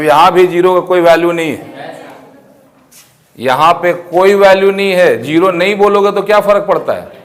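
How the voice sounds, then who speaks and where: A male teacher lecturing a room full of students. His voice sits a little high and he speaks slowly, drawing words out as he dictates. He keeps firing questions at the class to check they follow. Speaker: commerce teacher.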